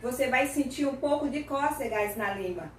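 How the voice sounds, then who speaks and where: Brazilian woman, english teacher, patient explanations, highish voice, roomy echo, a bit distant from the mic. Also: lively intonation, moderate pace, a little hiss or hum. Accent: Brazilian Portuguese. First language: Portuguese. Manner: patient, explanatory, checks in with "ok?" and "tudo bem?". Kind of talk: language lesson. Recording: echoey room, voice from off-mic.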